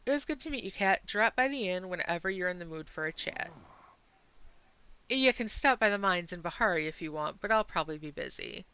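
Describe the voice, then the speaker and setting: A gruff but welcoming village innkeeper, read by a woman in her own voice who gives easy, chatty advice. The tone is bright and slightly low. It sounds like game dialogue read aloud. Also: animated, fairly quick, highs cut off. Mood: friendly. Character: friendly welcoming village innkeeper, a bit grumpy.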